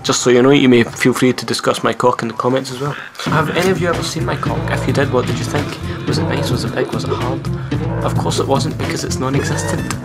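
A man's voice: medium pitch, fast talker, gravelly. A young man joining a casual let's-play as co-player, rambling and silly. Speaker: co-player guest. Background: game music.

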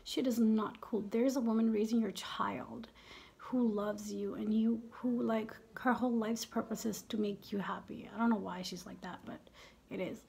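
A woman's voice: mid-range voice, vocal fry, darkish tone. A woman in her fifties chatting casually while doing her makeup. She speaks candidly, swears freely and often drops into half-whispered asides. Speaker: beauty vlogger.

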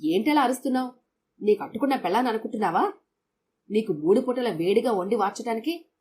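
A woman voicing a sharp-tongued young working woman who answers curtly and quickly. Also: fairly high pitch, lively intonation, close to an everyday voice. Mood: scornful. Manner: curt, quick, snappish.

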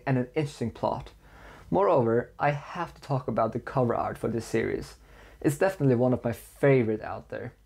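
This scripted book review comes from a young man of the Faroe Islands who speaks Faroese natively. His voice is mellow and medium in pitch, and he praises the book with enthusiasm in steady, measured steps, with bookshelves around him indoors.

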